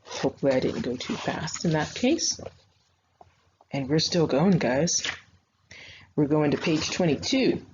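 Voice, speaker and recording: A woman's voice: deep voice, expressive, a little slow, long pauses. A young woman writing instructor giving a recorded online grammar lesson, talking patiently and conversationally with frequent fillers. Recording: slightly dull lo-fi sound with faint noise.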